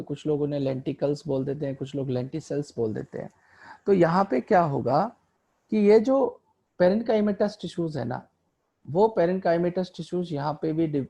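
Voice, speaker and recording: Man, biology teacher, gravelly voice, dark tone, quizzes and answers himself, English terms mixed in. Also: a little high. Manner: asks and answers his own questions, mixing Hindi with English terms. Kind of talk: online lecture explaining a diagram.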